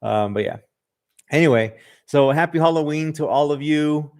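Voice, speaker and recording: A Southern California man with a slight Mexican accent hosts a podcast livestream, chatting loosely on camera and reading viewer comments with lots of "like" and "um." His voice is fairly high and darkish in tone, at a moderate pace.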